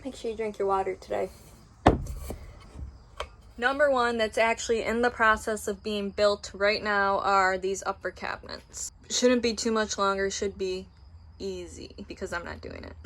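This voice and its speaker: A woman's voice: medium pitch, steady tone, moderate pace, fairly bright tone, a little hiss or hum, low-quality recording. Chatty young woman touring her van. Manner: chatty, joking, upbeat. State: out of breath. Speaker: vlogger. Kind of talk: casual van tour. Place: inside a parked van.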